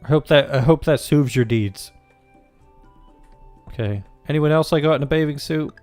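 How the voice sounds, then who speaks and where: A man's voice: fairly high pitch, moderate pace, darkish tone, no echo. A man giving casual, crude, joking commentary while playing a farming game, rambling and often restarting his sentences. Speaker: gaming video host. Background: faint game music.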